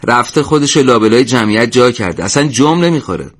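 A man's voice: medium pitch, expressive, pitched above the performer's own voice, lightly acted. A man voicing an earnest young male volunteer who pleads in a raised voice. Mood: amused.

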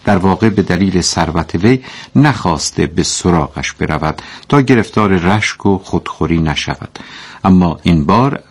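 Brief: a deep, husky-voiced man narrating in a measured, explanatory way. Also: animated. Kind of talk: scripted narration.

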